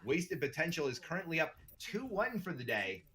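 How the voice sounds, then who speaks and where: A man with a Canadian accent calling an online esports match as caster, chatty and upbeat, laughing often and getting excited on big plays. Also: fairly high pitch, moderate pace. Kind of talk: play-by-play esports commentary.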